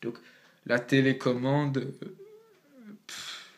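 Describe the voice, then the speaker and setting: A man's voice: medium pitch, level tone, extremely slow. Slangy young man explaining casually. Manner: slangy, loose, thinking aloud. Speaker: amateur rapper explaining rhyme. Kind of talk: casual home-made tutorial.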